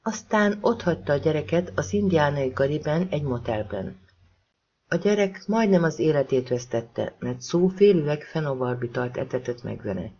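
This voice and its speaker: A man reading an audiobook as narrator, in a lively, expressive way. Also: a little high, muffled recording.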